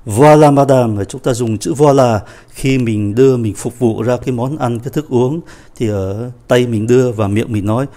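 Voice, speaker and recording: A man's voice: medium pitch, moderate pace, warm tone. A man teaching a French lesson, patiently repeating and explaining each phrase. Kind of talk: language lesson explaining a dialogue.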